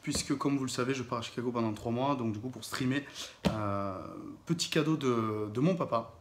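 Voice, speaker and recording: A young man with a mid-range voice talks briskly while unboxing a laptop, chatting casually but hesitantly with plenty of fillers and restarts. The room is echoey with faint noise.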